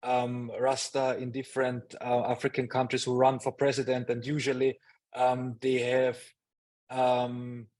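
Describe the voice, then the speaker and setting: A man interviewing, putting his questions in hesitant, halting phrases. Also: mid-range voice, monotone, a little mellow.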